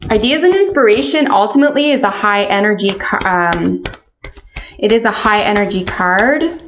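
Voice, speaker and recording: A woman's voice: medium pitch, expressive, moderate pace, fairly bright tone, slight background noise. Casting: female tarot reader, mid-range voice, conversational fortune-telling delivery aimed straight at the listener. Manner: fortune teller, addressing the listener directly with pointed questions and cautions. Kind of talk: casual spoken tarot and oracle card reading.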